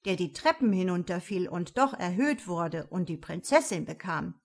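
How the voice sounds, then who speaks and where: A woman voicing a small, stout, kindly male storyteller in a read-aloud fairy tale, with a gentle, lower voice. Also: animated, moderate pace. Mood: genial.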